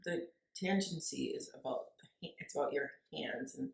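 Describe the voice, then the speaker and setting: A woman co-hosting a podcast, agreeable and quick to chime in with short yeses. Her voice has a gravelly fry, and it sounds roomy and echoey through a mic that wasn't recording properly. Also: low voice. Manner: agreeable, many short affirmations. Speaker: podcast co-host. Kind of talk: casual conversational podcast chat. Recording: echoey room, faulty mic.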